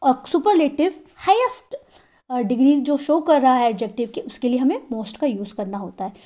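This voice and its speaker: Woman teaching grammar, high and mellow. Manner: explains patiently, repeats example words slowly syllable by syllable; checks in with the listener often. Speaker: English teacher. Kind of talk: classroom-style grammar lesson.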